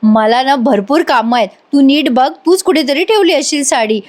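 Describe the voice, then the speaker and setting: A woman's voice: high voice, moderate pace, lightly acted. A woman reading a stern proud male boss.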